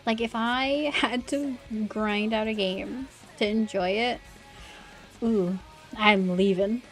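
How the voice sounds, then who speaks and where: Soft background music accompanies a woman streamer who talks casually with her viewers as she games, apologising often. She speaks slowly in a somewhat high voice.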